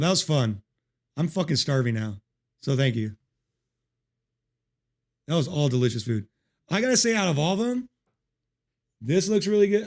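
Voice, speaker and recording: A man's voice: on the high side, darkish tone. A man chatting casually with his livestream chat while playing a game, joking and swearing a lot, speaking into a desk mic. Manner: profane, joking, greets chat. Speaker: livestream gamer. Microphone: desk mic with noise removal.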